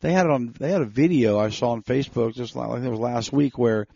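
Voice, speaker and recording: A man co-hosting a casual podcast, telling a story with animated bursts when heated. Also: medium pitch, quick pace, gravelly, no room sound. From North Carolina. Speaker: podcast co-host. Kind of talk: casual chat. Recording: slightly dull dry sound.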